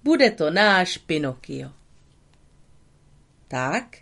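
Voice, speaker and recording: A woman's voice: on the low side, gravelly, full character voice. Kind old toymaker guy full of glee, storybook read-aloud, lady doing the voice. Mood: cheerful. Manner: excited exclamations. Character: kindly elderly male woodcarver, joyful. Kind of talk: storybook reading.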